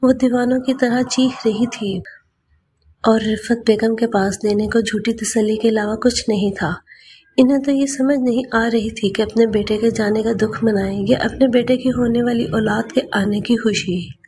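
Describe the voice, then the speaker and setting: A woman reading a romance novel aloud in an even, measured storytelling voice. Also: fairly high pitch, a little hiss or hum. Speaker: novel narrator. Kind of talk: scripted narration of a romance novel.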